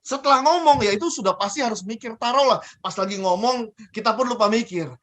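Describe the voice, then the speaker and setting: A man's voice: very high-pitched, fairly quick, fairly bright tone. Man coaching with rhetorical questions. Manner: asks and answers his own rhetorical questions; repeats key phrases for emphasis. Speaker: guest speaker on communication. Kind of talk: lively coaching talk.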